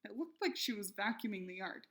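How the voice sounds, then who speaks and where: A woman reading a children's novel aloud, expressive and lively in the characters' shouted lines. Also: medium pitch, a little fast. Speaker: reader.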